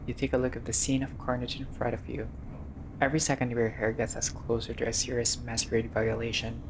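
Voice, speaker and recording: A gamer with a monotone, mid-range voice reads visual novel text aloud fairly quickly during a casual playthrough. He throws in informal asides, some swearing and the odd stumble, and the recording is clearly noisy.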